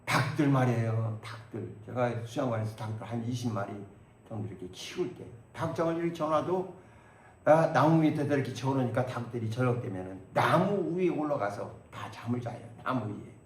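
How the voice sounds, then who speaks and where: A man in his sixties preaching a sermon as pastor, swinging between loud exhortation and quiet asides and acting out prayers. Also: medium pitch, a little fast, echoey room, slight background noise. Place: church sanctuary.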